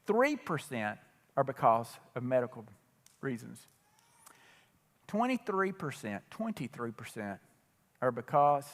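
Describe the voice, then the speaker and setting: Guy preaching, high voice, gets worked up, long reverb from the church hall. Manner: impassioned, repetitive, speeds up and slows down. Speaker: pastor. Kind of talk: sermon. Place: church sanctuary.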